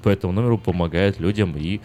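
A man's voice: low-pitched, warm tone. A man co-hosting a casual radio talk show, arguing his views earnestly. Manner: quick, earnest, argumentative. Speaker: radio co-host.

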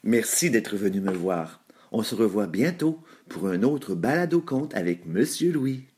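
A man reading a children's story aloud in a measured, expressive way. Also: on the low side.

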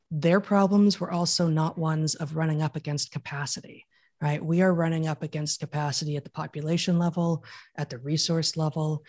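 With a medium-pitched, somewhat dark voice, a podcast guest gives long, explanatory interview answers. His thoughtful, lecturing style builds each idea step by step.

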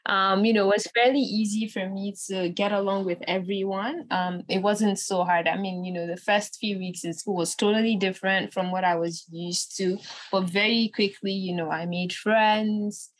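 A woman's voice: medium pitch, moderate pace, no room sound. A woman in her twenties from Nigeria, an entrepreneur answering interview questions casually, with many fillers. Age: 20s. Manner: relaxed, many fillers like "you know". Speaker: entrepreneur guest.

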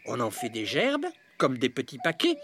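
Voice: moderate pace, slight background noise. A reader doing a jolly, patient farmer. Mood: explaining. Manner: lively, explaining with raised pitch. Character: cheerful, patient adult farmer, man. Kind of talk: storybook reading. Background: soft music.

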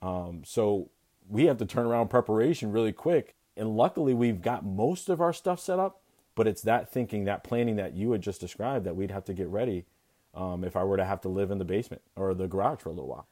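A young man, an expectant father, speaking as an interview guest in a candid, reflective way, often halting and restarting his sentences. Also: fairly low pitch, warm tone. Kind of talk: candid personal conversation.

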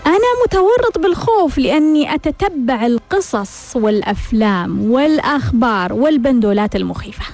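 A woman's voice: high-pitched, lively intonation, fairly quick, few pauses, darkish tone, soft background music. A woman hosting a self-help radio talk, asking rhetorical questions and repeating them for emphasis. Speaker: radio host.

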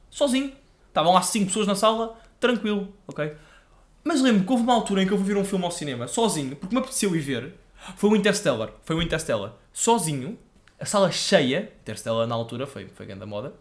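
A young man, telling stories in an animated, slangy way as a casual podcast co-host. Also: a little high, fast talker. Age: young adult. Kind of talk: casual chat, storytelling.

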